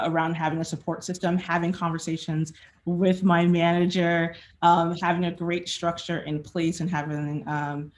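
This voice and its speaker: Her voice is low-pitched with a darkish tone as she presents conversationally at a design meetup. Speaking candidly, she often restarts and fills pauses, dramatizing the questions she quotes along the way.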